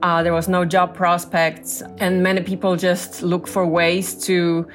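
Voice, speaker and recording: Polish lady being interviewed, polish accent, pretty flat and low, faint music behind. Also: unhurried. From Poland. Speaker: interviewee, newspaper journalist. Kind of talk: recounting in an interview.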